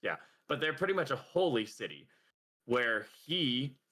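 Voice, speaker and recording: A man's voice: medium pitch, very animated, unhurried, bright, forceful tone. A young man co-hosting a podcast, rambling casually with lots of fillers and frequent laughs. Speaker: podcast co-host. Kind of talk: casual chat.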